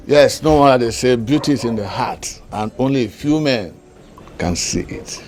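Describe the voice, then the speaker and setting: An actor playing a pleased, generous middle-aged uncle, speaking slowly. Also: male voice, mid-range voice, a little mellow, a little hiss or hum, lightly acted. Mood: approving. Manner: slow, approving. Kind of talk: Nollywood film acting.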